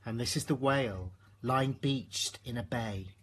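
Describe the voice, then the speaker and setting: A man reading a rhyming children's storybook aloud in an expressive narrating style. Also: medium pitch, unhurried, slightly rough. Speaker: storybook reader.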